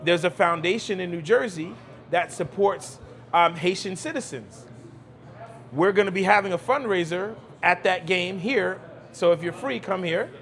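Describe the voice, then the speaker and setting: A cigar lounge owner from Brooklyn, New York joins a podcast as a guest, talking at normal speed in a high voice with a fairly bright tone. He's emphatic and conversational in the interview, tending to repeat phrases.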